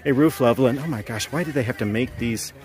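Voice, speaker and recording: Walking through an outdoor ruined fort with a handheld camera, a travel vlogger talks at a quick pace in a mid-range, darkish voice. His narration is chatty and explanatory as he moves, punctuated by the odd laugh.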